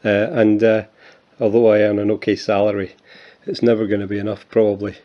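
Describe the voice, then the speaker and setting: The recording is muffled, and the man's fairly low voice comes across flat and a little fast. He's from Scotland, in his fifties, and casually shows his coin collection on a vlog, joking about himself and frequently restarting or using fillers.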